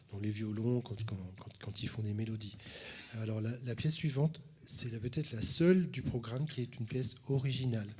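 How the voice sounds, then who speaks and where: A man's voice: lowish voice, slight background noise. A man who teaches cello, introducing the next piece at a concert and often restarting his phrases. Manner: hesitant, many restarts. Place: concert hall at a conservatory.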